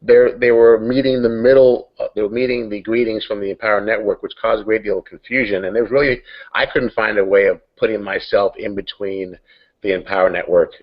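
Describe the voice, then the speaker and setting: A man's voice: lowish voice, steady tone, fairly quick, highs cut off. A man hosting a casual online coaching hangout, rambling and searching for his words, talking through a computer mic on a video call.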